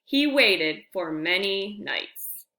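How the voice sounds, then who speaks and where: In an echoey room, a woman with a medium-pitched voice reads a picture book to young children. She phrases things expressively and deliberately, adding friendly asides.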